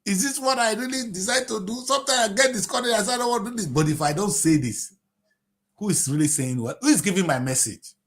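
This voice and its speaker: With lively intonation and a quick pace, this Nigerian speaker from Delta State, a man in his late fifties, holds forth on politics on TV. He poses rhetorical question after rhetorical question, his voice rising to shouts and sinking to mutters.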